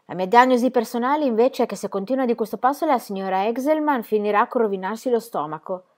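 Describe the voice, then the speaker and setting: A woman reading aloud and voicing a proud, sharp-tongued older grandmother who scolds with emphasis. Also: fairly high pitch, fast, pitched above the performer's own voice, lightly acted. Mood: scolding.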